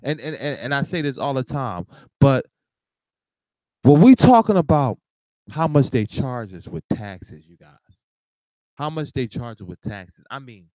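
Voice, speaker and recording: A man hosting a live talk show, ranting in an animated way with laughs and restarts. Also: mid-range voice, unhurried, long pauses, no room sound, low-quality recording. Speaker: show host.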